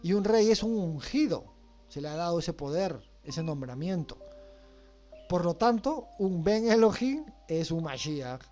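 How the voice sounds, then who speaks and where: Teacher, mid-pitched, patient lecture style, keeps asking the class if they follow, faint music. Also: animated, unhurried, dark tone. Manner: explains patiently, checks understanding with repeated questions. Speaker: religious studies teacher. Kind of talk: class lecture with rhetorical questions.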